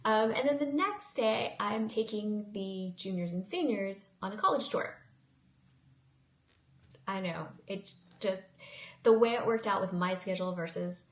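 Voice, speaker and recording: A woman in her thirties, a high school teacher, chatting casually in a vlog, rambling with restarts and asides. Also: unhurried, roomy sound.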